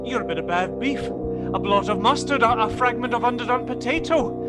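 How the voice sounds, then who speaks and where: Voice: mid-range voice, animated, fairly quick, natural voice. An actor playing Ebenezer Scrooge, a miserly old man, frightened yet defiant, in a theatrical radio play style. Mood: scornful. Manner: exclamatory, theatrical, stammering in fright. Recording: music under the voice.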